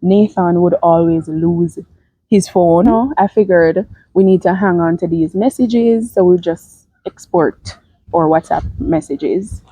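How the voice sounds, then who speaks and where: Woman, young, husky, dry close sound, laughs often. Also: fairly low pitch, takes it slowly, no room sound, rough recording. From Jamaica. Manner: laughs often, animated storytelling. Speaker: co-host of a couple's channel. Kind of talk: casual chat.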